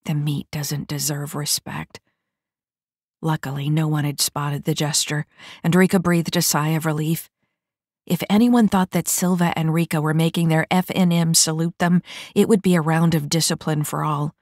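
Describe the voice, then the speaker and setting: A woman reads an audiobook story in a steady storytelling manner. Her voice sits low. The recording is dry and close, with no room sound. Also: normal speed, no room sound. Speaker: audiobook narrator. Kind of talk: scripted audiobook narration.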